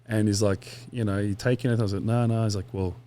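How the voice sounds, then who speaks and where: A man's voice: fairly low pitch, fairly even intonation, quick pace, warm tone, slight background noise. A man, a podcast guest telling long stories in a casual, rambling way with quoted asides and swearing. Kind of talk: casual interview chat.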